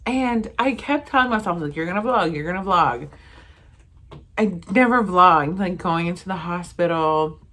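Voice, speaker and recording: A young woman in her twenties, chatting casually to camera as a vlogger, animated and full of fillers as she acts out what everyone said. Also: fairly low pitch, normal speed. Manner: animated, lots of fillers and acted-out quotes.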